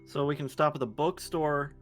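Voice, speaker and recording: A man's voice: on the high side, steady tone, normal speed, soft background music. A man playing a tabletop game, chatting casually and planning the group's next steps. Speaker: player.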